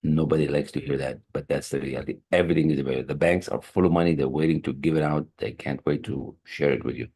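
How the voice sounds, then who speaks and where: A man's voice: extremely low pitch, fairly even intonation, fast, few pauses, warm tone, slightly rough. A man coaching in a motivational online lesson, earnest, repeating key phrases and restarting his sentences. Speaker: high performance coach. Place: online meeting room. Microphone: computer mic on a video call.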